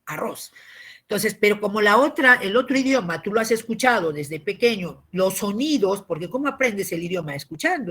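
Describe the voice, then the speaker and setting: A man, giving a civics lesson as a teacher. He explains patiently, often tags his points with a question and clears his throat. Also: high-pitched, pushed and bright.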